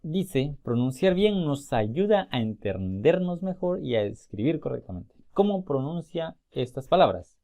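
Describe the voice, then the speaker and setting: A man's voice: a little high, sing-song, warm tone. Man teaching a spelling lesson. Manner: explains step by step, slowly sounding out example words. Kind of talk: recorded spelling and grammar lesson.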